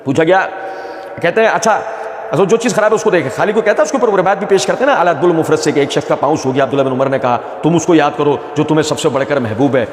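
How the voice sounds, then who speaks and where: A man giving argumentative religious commentary, mocking and repeating phrases for emphasis. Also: a little high. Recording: echoey room with long reverb.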